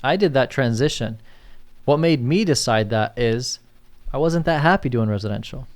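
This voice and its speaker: A young man in relaxed podcast chat with a co-host, his voice sitting at a middling pitch. He talks loosely and casually, reads listener questions aloud and keeps checking in with "you get what I'm saying?". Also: moderate pace.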